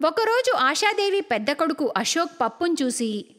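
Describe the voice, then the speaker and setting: A woman narrating a cartoon story in a steady, plain scripted way. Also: very high voice, moderate pace, in a large hall.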